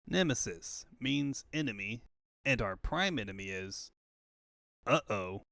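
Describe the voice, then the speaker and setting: A man performs a young heroic cartoon hedgehog. He sounds cocky and brisk, with very animated intonation. The recording is dry and close. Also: medium pitch, vocal fry, dry recording, heavily acted. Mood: confident. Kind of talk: comic book fan dub.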